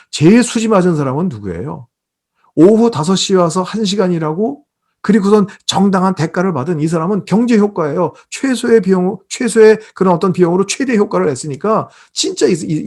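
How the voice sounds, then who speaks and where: A male pastor giving an online Bible lecture, telling a story in an animated way and acting out the characters. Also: high voice. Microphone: video call.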